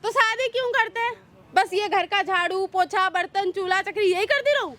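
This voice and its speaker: A woman's voice: very high voice, normal speed, fairly bright tone. A woman playing a brazen, defiant young daughter-in-law who taunts and mocks without shame, in a street skit. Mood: defiant, mocking. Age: young adult. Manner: taunting, mocking, unashamed. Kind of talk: street social skit acting.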